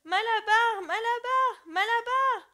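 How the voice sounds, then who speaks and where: A woman's voice: very high-pitched, slow, pitched above the performer's own voice, full character voice. A woman voicing a loyal female mare who cries out in desperation in a storybook reading. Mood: desperate. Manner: desperate shouting.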